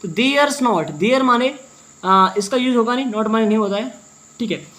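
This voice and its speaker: A man teaching as a teacher, translating a story word by word, talking fast and answering his own questions. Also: high voice, sharp tone. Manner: fast-talking, brisk and drilling.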